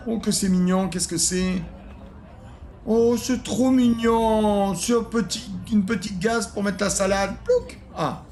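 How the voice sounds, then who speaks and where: Host reacting to cooking clips, slightly high gravelly voice, dry sarcasm, mutters asides under his breath. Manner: sarcastic, self-mocking, trails off into quiet muttered asides. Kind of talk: casual reaction commentary.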